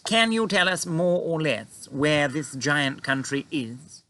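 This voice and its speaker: Give me a dignified, commanding queen, voiced by a man in a raised pitch. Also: lively intonation, slow, bright, forceful tone, no room sound, heavily acted. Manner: composed and commanding. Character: calm, dignified older female queen.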